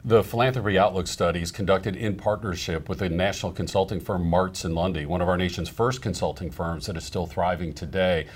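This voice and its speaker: A man's voice: low-pitched, fairly quick, few pauses, husky. A man hosting an interview, asking questions conversationally. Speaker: interview host. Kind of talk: podcast interview.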